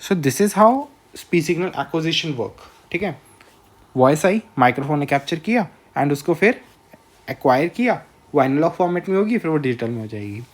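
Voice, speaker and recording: Slow-spoken Indian man lecturing. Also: a little high, animated. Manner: slow, measured, with frequent filler checks. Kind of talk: recorded lecture.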